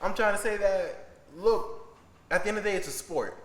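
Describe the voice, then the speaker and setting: A young man co-hosting a casual sports podcast, excitable and quick to laugh, often trailing off into fillers. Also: high-pitched. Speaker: podcast co-host.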